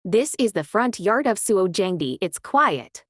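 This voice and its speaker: A woman giving calm, measured, scripted travel narration as a vlogger on a winter hike. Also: medium pitch, no echo, studio quality.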